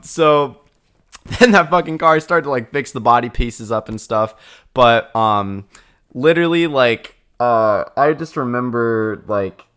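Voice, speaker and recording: A man's voice: medium pitch, smooth. A young man in his twenties on a podcast, casually telling a story with lots of swearing and laughter. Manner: profane, laughing, animated retelling. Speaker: podcast co-host.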